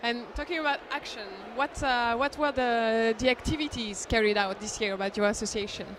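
A woman's voice: a little high, steady tone, fairly quick, background noise. A woman interviewing a guest at a conference, asking friendly questions with many halts, into a handheld mic. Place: conference booth indoors.

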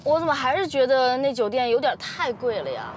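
An actress playing a sweet, coaxing young bride-to-be in a TV drama. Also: female voice, high-pitched, very animated, fairly quick. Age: young adult. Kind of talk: TV drama acting. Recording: loud music behind.

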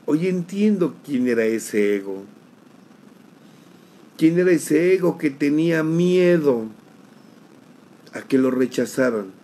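A middle-aged man, giving an emotional personal testimony at a recovery group, slowly, repeating phrases for emphasis. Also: fairly high pitch, expressive, mellow, slight background noise, rough recording. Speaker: sharer at a recovery group meeting.

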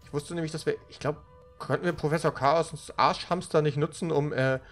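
Ein Mann kommentiert als Let's Player locker und beiläufig ein Spiel. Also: male voice, on the high side, steady tone, fairly quick. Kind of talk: casual gaming commentary. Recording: faint game music behind. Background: video game music.

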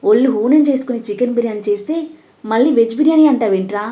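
A young joker of a best friend who teases and grumbles, as a female storyteller voices him. Her mellow delivery comes through dull, lo-fi sound. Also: on the high side, quick pace, natural voice. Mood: grumbling. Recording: dull lo-fi audio.

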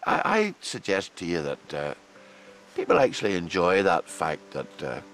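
A low-voiced man with an Ulster Scots-tinged Northern Irish accent talks as an enthusiast explaining language. His delivery swings expressively, with deliberate emphasis and stammered repeats. Faint music sits behind him. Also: wildly swooping pitch, fairly bright tone. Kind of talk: conversational explanation with anecdotes.

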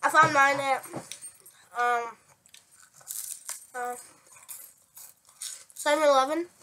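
High-voiced woman chewing while talking. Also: fairly even intonation, pushed and bright, slight background noise. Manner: rambling, filler-heavy, unhurried. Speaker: food reviewer. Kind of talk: casual vlog chat.

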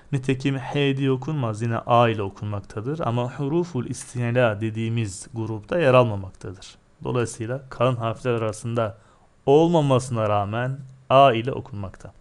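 A man teaching a recorded reading lesson, drilling syllables patiently and answering his own questions. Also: medium pitch.

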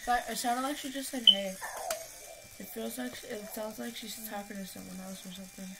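A woman's voice: on the high side, steady tone, brisk. A young woman in casual chat, eagerly chiming in with short remarks. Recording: noisy home recording.

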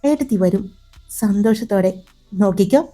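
A woman's voice: mid-range voice, moderate pace, dark tone, faint music behind, natural voice. A woman reading a clever, reassuring young sister-in-law in a storybook, explaining things confidently.

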